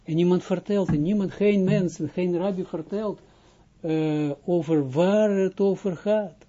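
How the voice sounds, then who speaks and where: A man teaching as a rabbi gives an informal spoken lesson in a very mellow, dark, husky voice pitched a little above most men's. He speaks haltingly, restarting phrases and pausing to check that listeners understand. The recording sounds dull and lo-fi.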